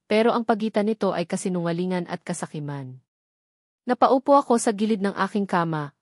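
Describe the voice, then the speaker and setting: Narrating a scripted dramatic story, a woman reads with a Filipino accent. Her mid-range voice has a darkish tone, captured at studio quality with no room sound.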